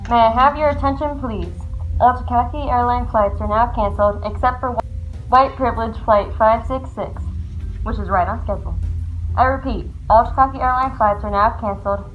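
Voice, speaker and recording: A woman plays a polite airport gate announcer speaking over the intercom. Her voice sits a little high and comes through dull and lo-fi, with faint music underneath. She paces every announcement in a measured, formal way.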